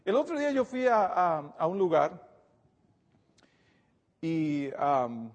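High-voiced preacher in a reverberant hall. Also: male voice, sing-song, takes it slowly. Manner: earnest, repeats words and restarts, addresses the congregation directly. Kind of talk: sermon.

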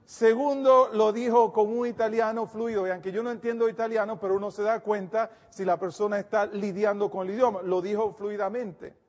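Un hombre de voz aguda predica un sermón ante su congregación, con tono sincero y cercano. Repite palabras y retoma las frases al hablar. El eco largo de una sala grande envuelve su voz. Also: male voice, high voice, fairly even intonation, fairly quick, hardly any pauses, darkish tone, long reverb tail. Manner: earnest, repeats words and restarts, addresses the congregation directly. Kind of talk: sermon.

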